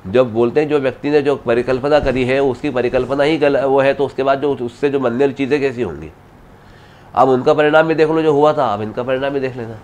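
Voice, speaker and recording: A man's voice: mid-range voice, steady tone, brisk, darkish tone. A man speaking as an astrologer guest in an interview, explaining at length with many restarts and cut-off words. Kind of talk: unscripted interview answers.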